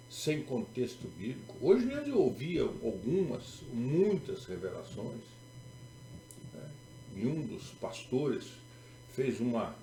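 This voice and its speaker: A man's voice: medium pitch, warm tone. A Brazilian man with a Brazilian accent preaching a sermon as a pastor, emphatic and repetitive, with sarcastic turns. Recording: echoey room with faint music.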